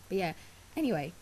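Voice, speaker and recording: In a mellow, mid-range voice, a teenage vlogger with an Irish accent, Irish being her first language, rambles casually to camera with many "um"s and "like"s. A cough has given her a sore throat, and slight background noise is present.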